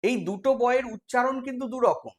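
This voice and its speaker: A man with a West Bengal accent and an extremely high-pitched voice speaks fast while teaching a live online exam-prep class. He explains things step by step and quizzes his students.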